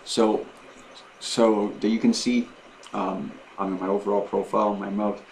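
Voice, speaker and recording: Guy doing an offhand vlog, really flat delivery, keeps restarting his sentences, bit of background noise. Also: lowish voice, poor audio. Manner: halting, rambling, repeats and restarts phrases. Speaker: vlogger documenting his own surgery preparation. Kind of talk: casual, unscripted vlog talk to camera.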